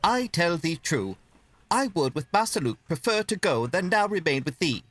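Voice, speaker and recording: A man plays a fussy, anxious protocol droid in a homemade Shakespearean read-through. His voice is bright and lively, rising and falling as he scolds in stiff old verse. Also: fairly high pitch, normal speed. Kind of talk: amateur Shakespearean table read.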